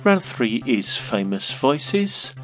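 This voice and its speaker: A man reads quiz questions at a slow, deliberate pace, his pitch rising and falling in a lively way. Soft music plays under his voice throughout. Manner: measured, clear delivery. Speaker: quiz host.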